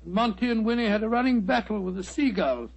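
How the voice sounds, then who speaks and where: A man's voice: high voice, expressive, fast, vocal fry, husky, exaggerated voice. A man playing a genial, fussy elderly British doctor in 1940s radio drama, avuncular and bumbling, with a stammering delivery. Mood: genial, reminiscing. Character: genial, fussy elderly English doctor telling his old adventures. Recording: hissy 1940s radio recording with clicks.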